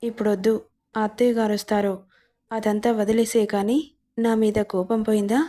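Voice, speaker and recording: A woman voicing a shy, hurt young bride who begs softly in a storybook reading. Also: medium pitch, little pitch movement, moderate pace, close to an everyday voice. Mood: hurt pleading.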